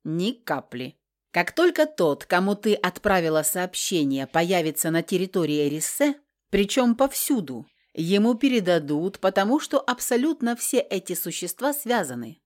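A woman's voice: fairly low pitch, very animated, moderate pace, a little mellow. A woman voicing a protective nonhuman man who patiently explains things to his companion.

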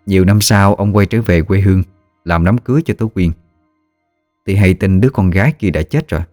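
A man narrating a ghost story in a steady, measured storytelling voice. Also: sits low, no echo, clean studio sound, soft background music.

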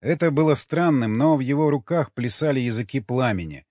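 A man narrating an audiobook in a measured, even reading with a husky voice. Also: medium pitch, no echo. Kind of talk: scripted narration. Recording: dull, dry studio sound with faint music.

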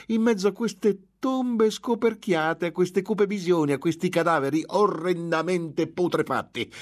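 A man playing a frenzied, guilt-ridden monk who rants and shouts with cruel, bitter laughs. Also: high voice, pitched above the performer's own voice.

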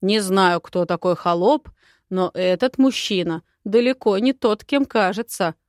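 A woman voicing a calm, condescending old male lord in an audiobook. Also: mid-range voice, unhurried, no echo, studio quality, lightly acted. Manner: calm, patronizing. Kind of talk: audiobook character voice.

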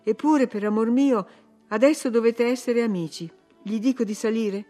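A woman reading an audiobook, voicing a passionate young lady of the house who sounds breathless and high-strung. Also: moderate pace, dark tone, faint music behind, lightly acted. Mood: insistent.

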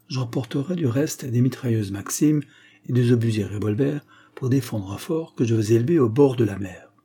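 A confident gentleman explorer lays out his plans in measured, formal sentences, voiced by a male reader close to his own tone. The voice is warm, dark and slightly husky, at an even middle pitch, as in a classic adventure audiobook. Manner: measured, self-assured, formal.

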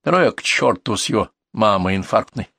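Man doing gruff tired ambulance doctor, stern and dry-mocking, slightly raised voice, storybook audiobook, dry close sound. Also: lowish voice, lively intonation, brisk, bright, forceful tone, no echo, full character voice. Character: weary, gruff male ambulance doctor, middle-aged.

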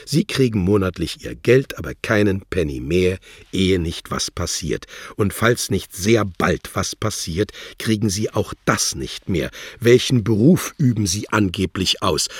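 A man voicing a scornful, threatening embassy secretary with a guttural, rasping snarl. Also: lowish voice, expressive, a little slow, hardly any pauses, dry recording, pitched above the performer's own voice. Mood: demanding. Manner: mocking, threatening, condescending. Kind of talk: audiobook character voice.

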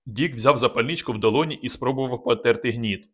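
A man narrating an audiobook in a calm, measured reading. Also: medium pitch, slightly rough. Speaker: audiobook reader. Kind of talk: scripted narration.

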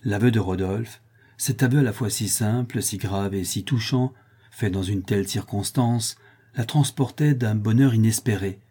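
A man narrating a classic novel in a measured, steady manner. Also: lowish voice, husky. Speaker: audiobook narrator. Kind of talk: scripted narration.

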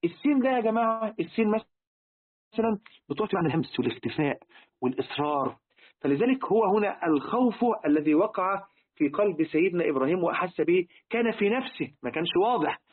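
A man's voice: sits high, expressive, quick pace. A man with an Egyptian accent gives a religious lesson on word meanings, asking his listeners rhetorical questions and repeating key words. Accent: Egyptian Arabic. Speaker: religious teacher. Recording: tinny, phone-like lo-fi recording.

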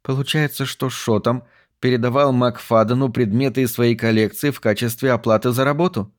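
A man voicing a courteous, hurried young woman researcher, speaking in a lifted voice. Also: mid-range voice, fairly even intonation, lightly acted. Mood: polite.

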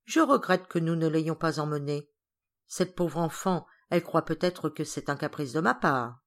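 A woman's voice: deep voice, lively intonation, normal speed. A woman voicing a brusque, busy father in an audiobook. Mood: curt. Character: gruff grumpy father, curt and busy.

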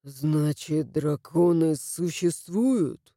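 A man reads a young highlander, stung and bitter, in an audiobook scene. His voice sits high for a man, but the tone is dark and mellow. The delivery is slow, as if every word has to be pushed out. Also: no room sound, studio quality. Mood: stunned. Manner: anguished, pleading. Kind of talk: audiobook character voice.

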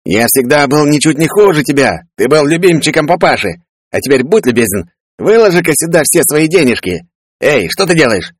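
A man voicing a greedy, brash grown brother who talks loud, wheedling and boastful. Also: fairly high pitch, very animated, a little fast, no room sound, clean studio sound, pitched above the performer's own voice. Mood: brash demanding.

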